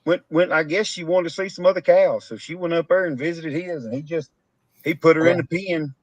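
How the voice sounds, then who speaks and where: A man's voice: fairly high pitch, steady tone, brisk, dry recording. A man with a Texan accent, a cattle farmer hosting a casual live-stream chat, who rambles and laughs through his stories. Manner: rambling, laughing storyteller with rural Southern grammar. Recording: dull, dry lo-fi stream audio.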